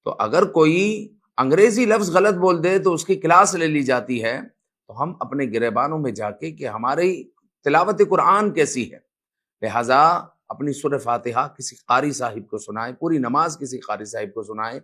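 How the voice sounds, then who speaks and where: A man's voice: medium pitch, fairly bright tone. A man giving a religious lesson, explaining step by step and reciting verses aloud as examples. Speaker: religious teacher.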